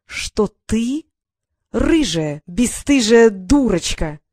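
Storybook bully brother, sing-song taunts, loud and drawn out, read by a woman. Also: medium pitch, animated, moderate pace, dry recording, studio quality. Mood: taunting. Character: teasing older brother, a mocking boy.

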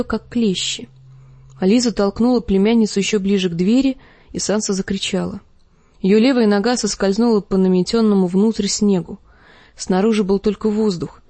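A woman's voice: medium pitch, dry recording. Woman narrating an audiobook dramatically. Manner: expressive, dramatic reading. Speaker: audiobook reader. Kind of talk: scripted narration.

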